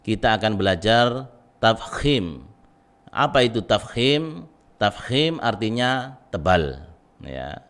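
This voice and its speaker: An Indonesian man teaching Quran recitation rules in a recorded lesson, patiently drilling syllables, tagging phrases with a soft "ya" and chanting example verses. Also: fairly low pitch.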